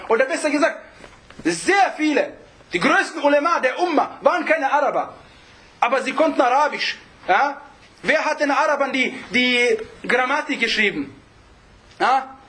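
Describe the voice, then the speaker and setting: A man giving an informal religious talk, sprinkling in Arabic phrases, often checking in with a quick question and chuckling as he explains. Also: extremely high pitch, sharp tone. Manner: peppers speech with Arabic phrases and asks "ja?" often; chuckles while explaining, restarts words. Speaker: religious lecturer.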